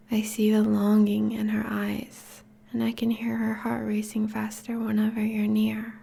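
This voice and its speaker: A woman plays a possessive, teasing yet tender vampire girlfriend in an intimate, whispery ASMR roleplay. Her mid-range voice is exaggerated, breathy, and whispery. She speaks slowly, softly, and coaxingly.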